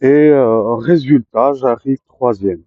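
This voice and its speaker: Man in a halting personal monologue, mid pitch, dry and slightly muffled recording. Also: dry recording. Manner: hesitant, many fillers and restarts. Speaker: storyteller recounting his life. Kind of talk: personal storytelling to camera.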